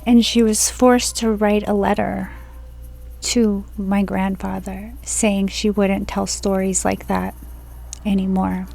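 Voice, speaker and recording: Slow gravelly woman in her forties. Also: medium pitch, little pitch movement, darkish tone. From Florida, USA. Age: 40s. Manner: slow, rambling, drifts onto tangents. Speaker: spiritual video creator. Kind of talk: personal storytelling monologue. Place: at home, indoors.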